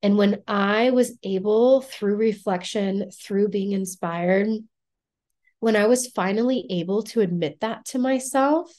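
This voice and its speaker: A woman's voice: medium pitch, unhurried, a little mellow. Woman, podcast guest, coach, earnest, reflective, loose fillers. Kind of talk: casual podcast interview.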